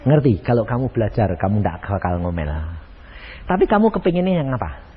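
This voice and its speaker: A man preaching a sermon, animated and acting out dialogues. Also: mid-range voice, a little fast, slightly rough. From Indonesia. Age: 80s. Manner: animated, acts out dialogues in a shifting voice. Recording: dull lo-fi sermon recording.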